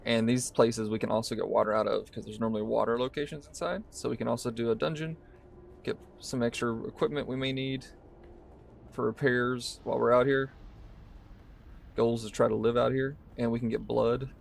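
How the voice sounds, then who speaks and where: Gravelly man narrating his gameplay. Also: medium pitch, fairly quick, a little hiss or hum. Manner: relaxed, talks through each move while playing. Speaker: streamer. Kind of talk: casual gameplay commentary.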